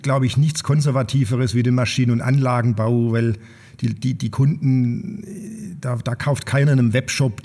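A man's voice: mid-range voice, darkish tone, long reverb tail. A man being interviewed as a company owner, speaking thoughtfully with many fillers and restarts. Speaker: managing partner of an engineering firm, guest. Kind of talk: podcast interview.

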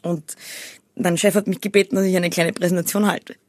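A woman's voice: lowish voice, little pitch movement, fairly quick, a little mellow, dry recording, studio quality. A young woman, co-hosting a podcast and telling a rambling story with many restarts. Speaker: podcast co-host. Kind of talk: casual chat.

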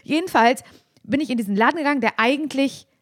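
A woman co-hosting a podcast in casual chat, telling an animated story and acting out the voices of the people in it. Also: sits high, quick pace, no echo, clean studio sound. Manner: animated storyteller who acts out quoted voices. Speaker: podcast co-host. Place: Berlin.

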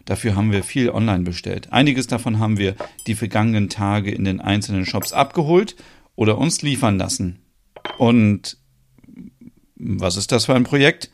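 A man voicing a sleepy, affectionate young woman in an audio soap opera, speaking softly. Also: lowish voice.

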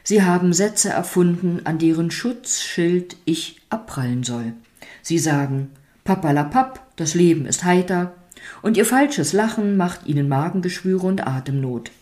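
A woman reading a storybook aloud, voicing the weary, mistrustful spirit of sadness in a quiet, hesitant, brittle way. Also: on the low side.

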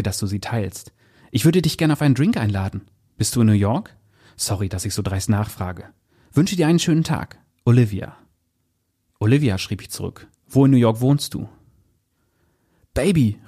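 A man presenting a novel, reading an excerpt aloud and then discussing it in a calm, measured way. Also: lowish voice, husky. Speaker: book reviewer. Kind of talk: book review with read-aloud excerpt.

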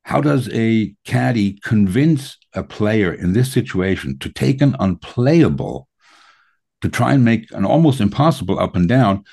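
A man with a fairly low voice hosts a conversational radio talk show. His phrasing is halting and deliberate, with hesitant pauses as he works toward each point. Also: lively intonation, gravelly, dark tone, slightly rough.

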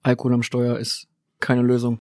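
A man's voice: medium pitch, monotone, normal speed, a little mellow, no room sound, clean studio sound. A man hosting a casual interview and asking his guest teasing, joking questions. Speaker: talk show host.

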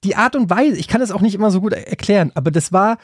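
A man from Frankfurt tells a story on a podcast, his voice sitting a little high for a man. He rambles and restarts, then gets heated. The sound is close and dry, with no room in it. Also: animated, fast, breathy edge, no room sound. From Frankfurt, Germany. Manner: rambling, with many restarts and hesitations, getting worked up as the story builds. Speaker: podcast co-host. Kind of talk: casual storytelling chat.

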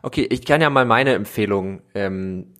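A man's voice: fairly low pitch, moderate pace. Casual male podcast host, thinking aloud. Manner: relaxed, thinking aloud with fillers and restarts. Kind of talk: casual conversational interview.

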